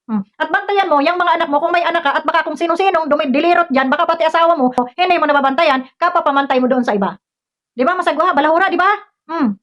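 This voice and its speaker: A woman's voice: high voice, fast talker, a bit bright. A woman ranting at a commenter, scolding and confrontational, firing off rhetorical questions. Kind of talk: heated commentary rant. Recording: dull lo-fi recording.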